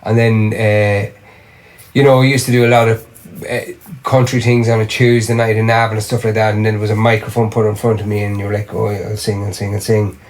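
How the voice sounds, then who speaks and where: Speaking a little fast in a lowish voice, a middle-aged Irish drummer and singer rambles through a casual podcast interview. He keeps restarting his sentences while animatedly telling stories.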